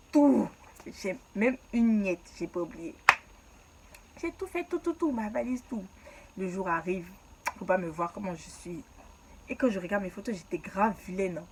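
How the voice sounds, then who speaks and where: A young woman vlogger from the Ivory Coast telling a childhood story in a casual, lively way, laughing often and exaggerating playfully. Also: mid-range voice, slight background noise.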